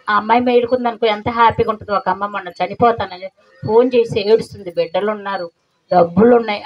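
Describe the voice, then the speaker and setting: A middle-aged woman teaches a meditation class, earnest and preaching, asking question after question. The recording is dull and lo-fi, with a faint hiss underneath. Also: medium pitch. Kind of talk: spiritual class talk.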